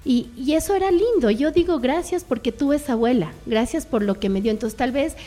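Warm-toned woman reflecting. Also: high-pitched, animated, brisk, soft background music. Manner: reflective, storytelling, many fillers. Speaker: guest. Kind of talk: radio talk show conversation.

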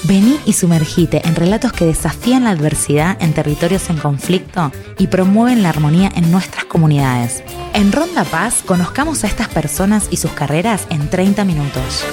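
Woman host with a low voice. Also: animated, normal speed, music in the background. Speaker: podcast host. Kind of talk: podcast intro and interview.

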